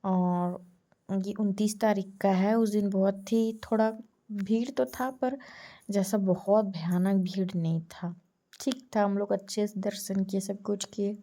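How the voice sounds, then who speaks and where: A woman's voice: medium pitch, steady tone, unhurried, dark tone. A woman narrating her trip photos and videos in a chatty, homely voice-over, talking to her viewers.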